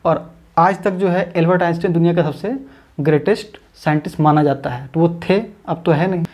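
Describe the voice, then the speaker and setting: A man's voice: fairly high pitch, fairly even intonation, fairly quick, a little mellow. Man teaching english grammar, repeating points. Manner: repeats points and addresses viewers as friends and brothers. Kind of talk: explanatory online lesson.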